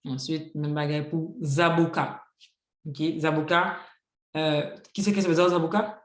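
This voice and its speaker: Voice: medium pitch, fairly even intonation, a little slow. A teacher giving a classroom grammar lesson, patiently spelling out rules with examples and saying "ok, donc" often. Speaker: Haitian Creole teacher. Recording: roomy echo.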